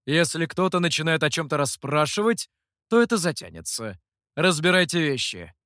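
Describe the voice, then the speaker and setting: A man's voice: fairly high pitch, very animated, normal speed, pushed and bright, no room sound. A man playing a stern, irritable male master who answers curtly and sounds fed up, read dry and close. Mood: exasperated. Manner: curt and exasperated.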